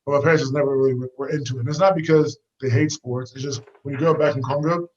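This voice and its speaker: Out on a walk for a casual interview, a young man from the US who fights tells stories from his past in a relaxed, rambling way full of fillers. He talks very fast in a medium pitch with fairly even intonation and a slightly mellow tone, over dull audio.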